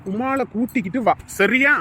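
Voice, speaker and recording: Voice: medium pitch, moderate pace, background noise, close to an everyday voice. A performer playing a young village man who keeps pressing over the phone in a family drama. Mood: pushy.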